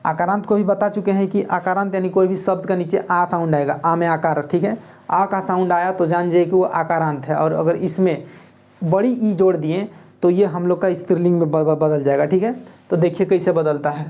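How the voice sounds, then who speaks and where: A woman with a Jharkhand Hindi accent teaches an exam-prep grammar lesson, explaining step by step, often saying "ठीक है" to check in with students, and reading Nagpuri lines aloud. Her voice is lowish, warm, and fairly even at a moderate pace, with the highs cut off in the recording.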